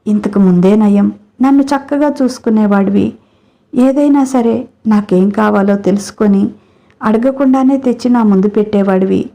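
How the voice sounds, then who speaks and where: Woman doing a hurt, sharp-tongued young bride in a read-aloud story, mellow timbre. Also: medium pitch, normal speed, close to an everyday voice. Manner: emotional, scolding. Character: young wife, landlord's daughter, hurt and fiery. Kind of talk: storybook character reading.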